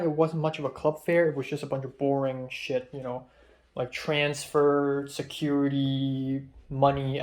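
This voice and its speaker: A young man from Hong Kong, a native Cantonese speaker, rambles through a casual vlog story about college, full of fillers and trailing-off asides. This chatty college student vlogger has a mid-range voice with a darkish tone.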